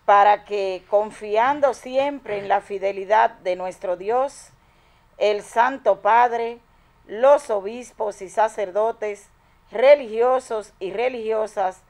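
A woman lector reading the prayers of the faithful at a lectern in a small chapel, slowly and carefully. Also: a little high, a little mellow.

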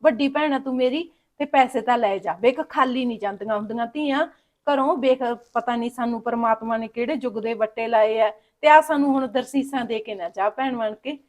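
A woman with a Punjabi accent, acting in a family short film, coaxing and pleading to smooth things over. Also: fairly high pitch, fairly quick. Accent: Punjabi (Malwa). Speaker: actor playing a sister-in-law.

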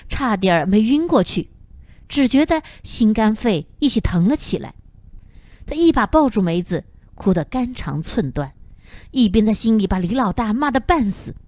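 A woman reads a novel aloud as an audiobook narrator, with a lively voice that moves freely up and down in pitch. Her storytelling is expressive, and the recording is dry and close. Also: dry recording.

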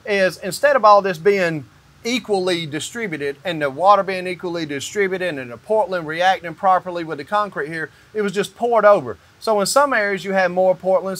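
This man, a company owner in his fifties, gives an emphatic, step-by-step practical explanation of construction. His voice sits high and sounds a bit bright, echoing the indoor setting of a metal-walled barn or shop.

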